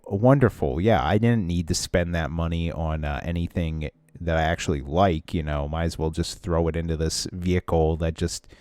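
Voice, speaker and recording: A man co-hosting a casual podcast tells a long, rambling story, often restarting and trailing off. His low-pitched voice sounds stuffy and congested. The audio is studio quality, with no room sound.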